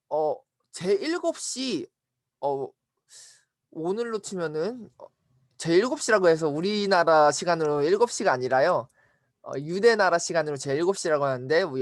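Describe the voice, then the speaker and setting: A woman preaching at a church education service, retelling a Bible story in an expressive way and asking the listeners questions. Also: deep voice, normal speed, no echo, studio quality. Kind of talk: storytelling sermon.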